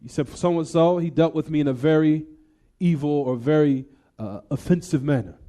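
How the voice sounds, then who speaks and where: In his hadith class, the male Islamic teacher fires questions at his listeners and then answers them himself, weaving rapid Arabic recitation between simple explanations, all in a voice on the high side with a dark tone.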